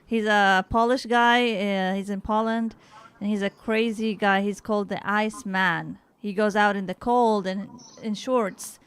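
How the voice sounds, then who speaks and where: A woman's voice: mid-range voice, fairly even intonation, unhurried, clean tone. A young adult woman from Iraq, hosting a casual podcast in English with Arabic phrases. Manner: chatty, switches between English and Arabic. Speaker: podcast host. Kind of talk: casual chat. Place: home podcast setup in Ohio.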